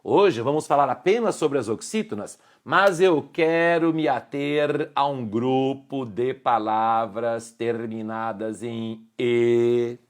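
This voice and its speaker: A man's voice: medium pitch, takes it slowly, few pauses. A middle-aged man with a Brazilian Portuguese accent teaching an online grammar lesson, explaining rules and asking the viewer short checking questions.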